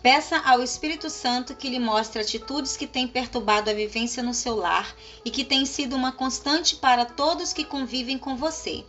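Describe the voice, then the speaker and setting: A woman's voice: sits high, normal speed, few pauses, fairly bright tone. Affirming Brazilian church woman. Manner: affirming, reads comments aloud. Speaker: co-host reading comments. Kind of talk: devotional family talk. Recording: dull lo-fi with faint music.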